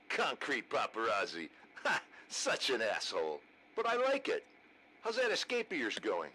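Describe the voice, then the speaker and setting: A man's voice: medium pitch, wildly swooping pitch, takes it slowly, sharp tone, exaggerated voice. A man playing a jovial, wry comrade talking over a radio in a video game. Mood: amused. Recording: faintly noisy radio link.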